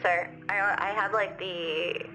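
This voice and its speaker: A young woman with a softened city Australian accent speaks slowly in a steady, mid-range voice with a sharp tone. She reads viewer comments on her livestream and answers casually, rambling and giggling with lots of fillers. Soft music plays behind her, and the audio is poor.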